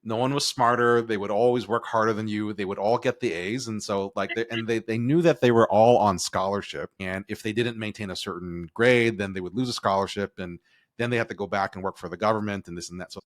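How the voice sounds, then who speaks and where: A man's voice: fairly low pitch, fairly even intonation, a little fast, no echo, clean studio sound. A middle-aged man co-hosting a podcast, joking and rambling, often restarting mid-sentence. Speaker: podcast co-host. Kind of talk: casual conversation.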